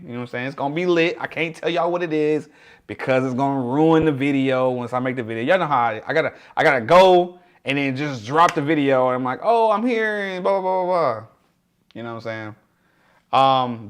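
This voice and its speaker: A young man casually chatting to his livestream viewers, laughing often and greeting them by name. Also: a little high. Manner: drops to a hushed voice to share a secret. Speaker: livestream host.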